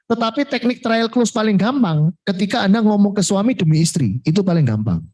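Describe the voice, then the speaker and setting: A man coaches a room of insurance agents, his pitch swinging up and down as he talks. His voice sits mellow and warm, and he acts out client replies in quick little scenes. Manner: lively, mixes in Javanese and English words, acts out client replies. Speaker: sales coach.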